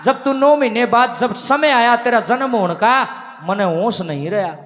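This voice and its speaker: A man's voice: very high voice, a little slow, a bit bright. A man with a Haryanvi accent voicing a patient, wise village mother in a devotional story. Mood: tender, lecturing. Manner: earnest storytelling cadence. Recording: long reverb in a large hall.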